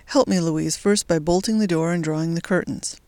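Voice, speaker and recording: A reader voicing a young male Belgian resistance fighter, brisk and determined, in an audiobook story. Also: mid-range voice, a little mellow, no room sound, lightly acted. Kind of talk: audiobook character voice.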